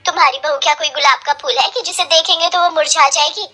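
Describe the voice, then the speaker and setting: A woman's voice: high voice, fast talker, sharp tone, soft background music. A woman doing a nosy, taunting gossip neighbour. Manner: mock-wailing, taunting.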